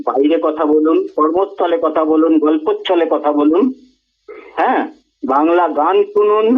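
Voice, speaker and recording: A man gives an earnest radio talk as a guest speaker, making his points in measured, emphatic phrases. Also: a little high. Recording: tinny phone-like radio audio.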